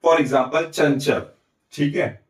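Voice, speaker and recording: In an echoey room, captured from a distance, a man with a fairly high, animated voice speaks a little slowly while teaching Hindi grammar. His Chhattisgarh accent colors step-by-step explanations where he answers his own questions, regularly tagging on "ठीक है?" and "है ना?"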